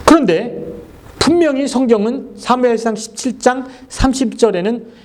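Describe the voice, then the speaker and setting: A male pastor preaching at a church service, animated and often quizzing the congregation with quick questions. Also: extremely high pitch, a little hiss or hum. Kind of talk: sermon.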